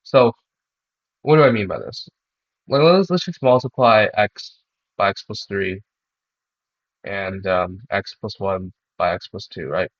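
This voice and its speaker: A young man with a low, flat voice talks through a math solution while he is sick. He hesitates often and restarts his sentences. The recording is dull and dry, with no room sound. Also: measured pace, pauses often, no echo. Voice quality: monotone. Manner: hesitant, many ums and restarts. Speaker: math club student presenter. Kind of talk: walking through a math problem.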